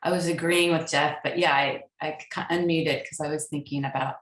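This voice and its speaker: A woman's voice: low-pitched, fairly even intonation, fairly quick. Hesitant woman on a distant, echoey call. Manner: hesitant, many fillers and restarts. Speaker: workshop participant. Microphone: video call. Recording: roomy, distant call audio.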